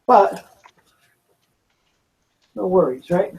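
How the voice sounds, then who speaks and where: A man's voice: high voice, lively intonation, extremely slow, creaky, darkish tone, lo-fi sound. Easygoing man rambling through a workshop build. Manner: easygoing, rambling, talks while working with hesitations. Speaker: prop-building workshop host. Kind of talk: casual livestream craft tutorial. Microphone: camera on a desk he moves around.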